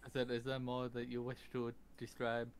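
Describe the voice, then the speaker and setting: A man's voice: mid-range voice, completely flat delivery, moderate pace, clean tone. A man playing a tabletop game, joking and playful in casual chat. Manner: playful, jokey. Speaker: player.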